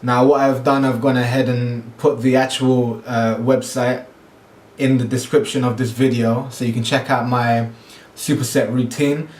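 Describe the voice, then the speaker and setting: A man's voice: mid-range voice, flat delivery, normal speed, darkish tone, echoey room. A man from Guyana talking casually to camera about his diet, with many fillers and restarts. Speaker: fitness vlogger.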